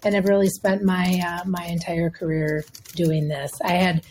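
A woman's voice: lowish voice, little pitch movement, moderate pace, darkish tone, a little hiss or hum. A woman in her fifties with a Minnesota accent, a healthcare executive answering podcast interview questions conversationally, with frequent restarts and fillers.

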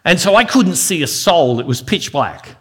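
A man's voice: a little high, big pitch swings, moderate pace, fairly bright tone, slightly rough. Earnest man preaching a devotional sermon. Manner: earnest, repeats words as he builds a point. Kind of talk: devotional sermon with personal storytelling.

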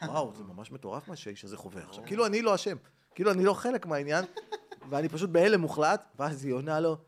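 Male comedian, slightly high voice, very lively pitch, storyteller who does the voices. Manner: animated, acts out the people in his story. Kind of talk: casual chat, comic storytelling. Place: rooftop.

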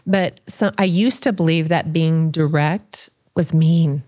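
A woman's voice: low voice, fairly even intonation, measured pace, darkish tone. A woman hosting a casual podcast discussion, talking in a reflective way and asking the others questions.

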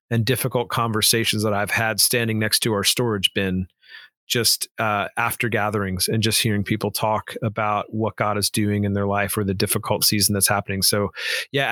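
A man's voice: fairly low pitch, no room sound, clean studio sound. A man who pastors a house church, chatting on a podcast, with lots of restarts and casual slang. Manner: rambling, restarts, warm enthusiasm, says dude and man.

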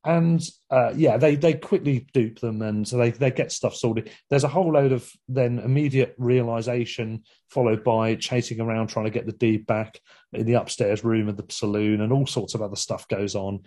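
A man talks films in a relaxed, rambling way, stopping and starting as he retells a plot. His voice is dark and mellow with a husky edge. The delivery is loose chat between friends. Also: mid-range voice, moderate pace. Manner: rambling, with frequent fillers and laughs. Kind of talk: casual film discussion.

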